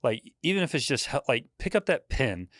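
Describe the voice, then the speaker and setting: A man's voice: mid-range voice, sing-song, fairly quick, a bit bright, no room sound, clean studio sound. A man in his forties, a podcast guest chatting casually, who tells rambling stories and laughs often. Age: 40s. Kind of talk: casual chat.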